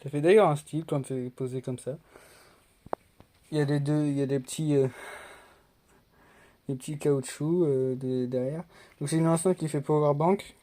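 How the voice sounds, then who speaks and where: A man's voice: fairly high pitch, fairly even intonation, normal speed, long pauses, dark tone. Rambling young man unboxing on camera. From France. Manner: rambling, full of fillers and restarts. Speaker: tech unboxing vlogger. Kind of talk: casual unboxing vlog.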